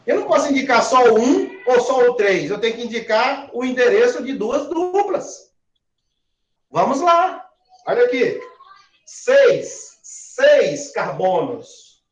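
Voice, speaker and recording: Pitched extremely high with lively intonation, this male chemistry teacher lectures at a normal pace. He quizzes the class and counts aloud syllable by syllable, captured in a dull, roomy classroom recording.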